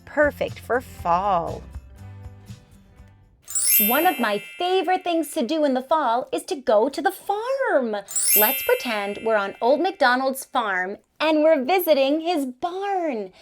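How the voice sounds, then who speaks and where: A woman with a high voice teaches very young children in short, simple phrases. She speaks extremely slowly, with playful, exaggerated encouragement and a sing-song lilt. Music plays along behind her. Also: very animated. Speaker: children's educator and show host.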